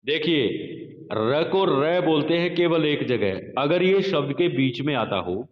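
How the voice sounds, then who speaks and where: A man teaching a phonetics lesson to a class, speaking slowly and repeating sample words for his students. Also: a little high, lively intonation. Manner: slow, repetitive, addresses students as children. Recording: echoey lo-fi room recording.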